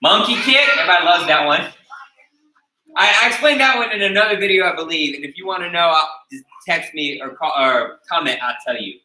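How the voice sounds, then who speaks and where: In a reverberant training hall, captured from a distance, a brisk American man with a very high, bright voice and lively intonation runs a taekwondo class. He instructs his students, quizzes them, and tacks on "okay?" after each point to make sure it landed.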